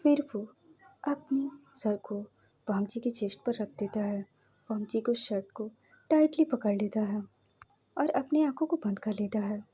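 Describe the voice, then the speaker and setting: Casting: woman storyteller, mellow and very breathy voice, soft dramatic reading. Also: mid-range voice, a little slow. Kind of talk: reading fan fiction aloud.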